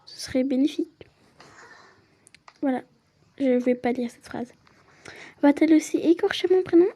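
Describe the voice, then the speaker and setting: A woman's voice: high voice, normal speed, mellow. A woman playing a story game, reading the narration aloud and adding chatty asides of her own. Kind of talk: casual playthrough with read-aloud narration.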